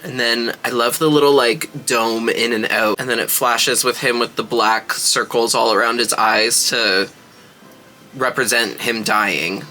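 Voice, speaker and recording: A man's voice: medium pitch, steady tone, unhurried, bright, forceful tone, low-quality recording. A man talking like a sassy, gushing drag queen, giving casual, slangy reaction commentary.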